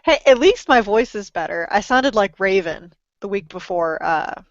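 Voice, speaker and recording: A woman's voice: mid-range voice, animated, normal speed, dry recording, muffled recording. Chatty self-mocking middle-aged woman, a bit sick. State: lingering cough after illness. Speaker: podcast co-host. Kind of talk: casual chat.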